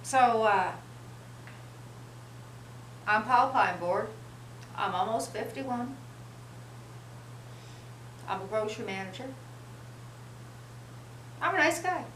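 A man's voice: very high voice, fairly bright tone, heavily acted. Man doing a lonely, awkward fifty-ish guy. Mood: earnest. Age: middle-aged. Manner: earnest, rambling, repeats himself. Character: lonely thrifty middle-aged man, awkward and earnest. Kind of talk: comedy sketch. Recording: roomy, distant mic, faint hiss.

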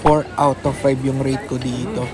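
A man's voice: medium pitch, flat delivery, moderate pace. A man with a Filipino accent giving a casual food review with his mouth full of food, chatting to his viewers. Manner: chatty, repeatedly addresses viewers. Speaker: food vlogger. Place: restaurant.

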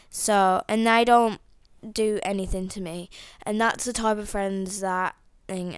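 Speaking into a headset mic indoors at home, a teenage girl with a cold wraps up her toy video with rambling casual chat, full of fillers and restarts, and she's sniffly. Her medium-pitched voice is clear and resonant, with no room sound.

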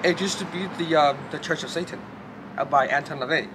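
A man's voice: a little high, brisk. A young man vlogging to camera and talking loosely, with lots of swearing and fillers. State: shaking from cold. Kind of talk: casual vlog. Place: outdoors on a city street, later a hotel room. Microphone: handheld camera filmed by a friend. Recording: noisy street and room ambience.

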